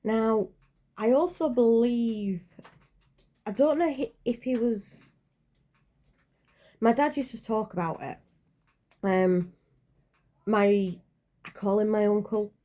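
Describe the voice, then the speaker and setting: A woman's voice: fairly high pitch, slow pace, pauses often, dark tone. A woman in her forties chatting casually in a vlog, rambling and hesitant, with many fillers and self-corrections. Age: 40s. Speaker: channel creator.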